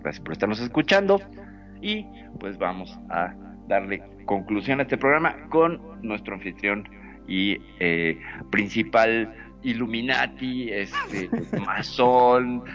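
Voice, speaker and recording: A man's voice: on the low side, animated, a little slow, fairly bright tone. A man with a northern Mexican accent chatting casually as co-host of a radio show, jokey and fond of repeating words. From Sonora, Mexico. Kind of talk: casual live radio chat. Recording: muffled lo-fi online radio with background music. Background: music.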